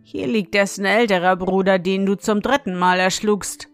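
A woman's voice: medium pitch, steady tone, moderate pace, faint music behind, lightly acted. A woman voicing an ancient, wicked witch who shows off her dead sons and then cries out and pleads when beaten. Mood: menacing.

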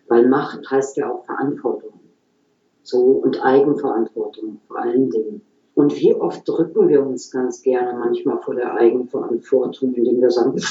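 Mellow-voiced woman, calm and reflective. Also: a bass voice, echoey room, lo-fi sound. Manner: calm, explanatory, frequent "so" pauses. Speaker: guest, regression therapist. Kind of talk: reflective interview talk.

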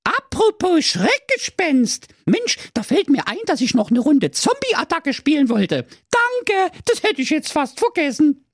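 A spoiled young princess in a bedtime story, her voice shrill and piercingly high. She whines and demands, swinging wildly in pitch. The sound is dry and close. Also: big pitch swings, a little slow, dry recording, heavily acted. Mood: excited. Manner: shrieking, whiny.

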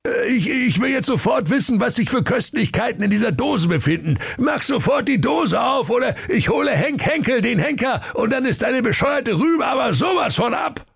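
A man voicing a gluttonous, bossy old fairy-tale king who shouts his demands. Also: extremely high pitch, expressive, normal speed, gravelly, hardly any pauses, slightly rough, faint music behind, voice pushed up, heavily acted. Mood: raging.

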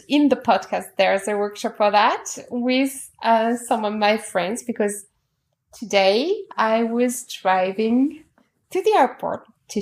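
A woman hosts a relaxed podcast chat from her sofa at home. She talks in a bubbly way, laughs often, and her phrasing is slightly non-native. Her voice sits fairly high. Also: echoey room. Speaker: podcast host. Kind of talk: casual chat. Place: living room at home.

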